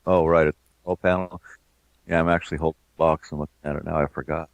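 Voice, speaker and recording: A man giving relaxed commentary as a game developer, reminiscing about making the game. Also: very deep voice, quick pace, gravelly, no echo. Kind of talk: casual commentary.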